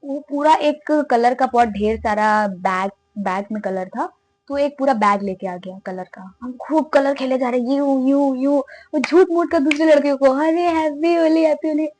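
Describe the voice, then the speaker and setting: A woman's voice: sits high, measured pace, faint music behind, poor audio. A young woman, casually telling a funny story and acting out her friends' lines. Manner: animated, laughing, acts out friends' lines. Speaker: vlogger.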